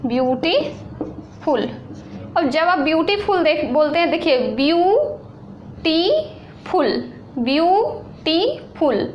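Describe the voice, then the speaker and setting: A woman teaching an exam-prep lesson, explaining slowly and repeating points, asking questions and answering them herself. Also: high voice, highs cut off. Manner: slow, repetitive explaining with questions to students. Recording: echoey room with faint noise.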